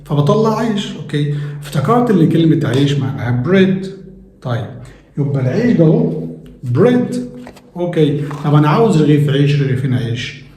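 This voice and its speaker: A man with an Egyptian Arabic accent gives a casual vocabulary lesson, chatty, then slowing down for careful English examples. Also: a little high, very animated, dark tone, roomy sound, a little hiss or hum. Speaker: English teacher. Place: home kitchen.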